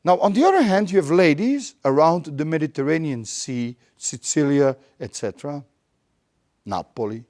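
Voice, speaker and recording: A man's voice: lively intonation, normal speed. A man with a Belgian Dutch accent who is not a native English speaker, giving a live lecture and acting out his examples theatrically. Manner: theatrical, acts out examples with big swings in pitch and loudness.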